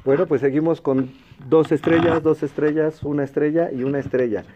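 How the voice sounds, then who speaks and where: A Mexican man with a Mexican Spanish accent hosts an educational quiz show, speaking clearly and patiently and repeating the answer options slowly. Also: on the high side, steady tone, mellow, slight background noise. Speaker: quiz host and teacher. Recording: dull lo-fi broadcast sound.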